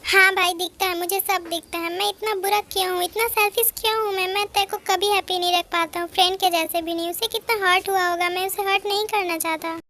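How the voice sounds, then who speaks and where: A woman's voice: extremely high pitch, fairly even intonation, fast, few pauses, sharp tone, heavily acted. A woman voicing a confused, guilt-ridden young man who questions himself in anguish in a fan audio drama.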